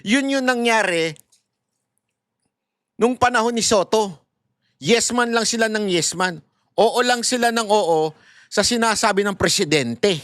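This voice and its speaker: A man's voice: sits high, measured pace, long pauses, fairly bright tone, no room sound, clean studio sound. A man giving casual political commentary, mocking and often laughing, addressing viewers directly and mixing in English phrases. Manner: mixes English phrases into talk.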